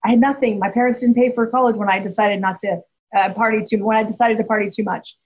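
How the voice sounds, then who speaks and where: A woman's voice: mid-range voice, steady tone, quick pace, husky. A woman in her forties, speaking as a guest and telling a story candidly, with emphasis and frequent restarts. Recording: dull lo-fi audio.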